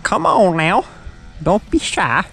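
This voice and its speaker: A man's voice: sits high, sing-song, slow, gravelly, fairly bright tone, slightly rough, soft background music. A man with a Southern accent hosting a fishing show, chatting in a folksy, joking way from a boat on a lake. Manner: folksy, joking, calls his buddy "son". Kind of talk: casual chat while fishing.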